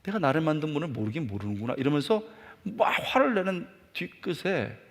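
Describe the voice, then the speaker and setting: A middle-aged man preaching a sermon and telling a personal story, acting out his younger self shouting in anger. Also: a little high, sing-song, a little fast. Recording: long hall reverb.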